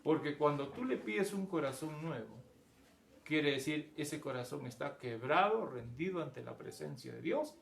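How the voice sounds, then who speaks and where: A male pastor delivers a sermon in a gravelly, slightly high voice. He repeats words and keeps addressing his listeners as brothers. The sound rings in an echoey church room. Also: lively intonation, measured pace.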